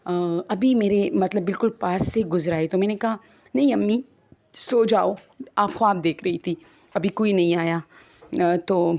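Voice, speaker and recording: A woman's voice: mid-range voice, vocal fry, dark tone. A woman, chattily retelling a first-person ghost story to her listeners as friends and acting out the quoted dialogue.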